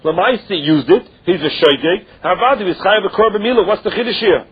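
A man's voice: high-pitched, a little fast, breathy edge. A man with a Yiddish-influenced accent giving a religious text lesson, reading phrases and explaining them step by step with questions and answers. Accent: Yiddish-influenced English. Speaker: Talmud teacher. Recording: dull lo-fi recording.

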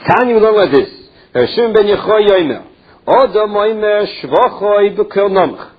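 A man teaching a Talmud lesson, reading the text and explaining it phrase by phrase with halting restarts. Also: high voice, expressive, dull audio.

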